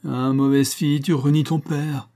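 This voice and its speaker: A man's voice: mid-range voice, steady tone, normal speed, warm tone, lightly acted. A man reading aloud voicing an impatient, superstitious old father who grumbles and grows exasperated. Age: older.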